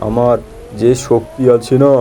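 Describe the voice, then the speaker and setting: A man's voice: mid-range voice, little pitch movement, warm tone, slight background noise, close to an everyday voice. A man doing a boastful hulking strongman. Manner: boastful, slow and heavy. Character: boastful huge strong green male hero.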